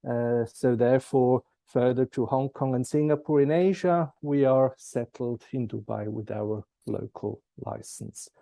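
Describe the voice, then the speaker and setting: A man, giving formal, measured answers as an interview guest. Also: medium pitch, vocal fry, warm tone, dry recording. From German-speaking Switzerland. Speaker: guest, compliance expert.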